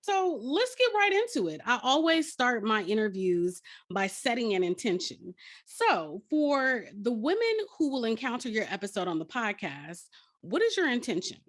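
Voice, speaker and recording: A woman's voice: on the high side, big pitch swings, normal speed, no echo, clean studio sound. A woman hosting a podcast interview, upbeat and affirming as she introduces and questions her guest. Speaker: podcast host.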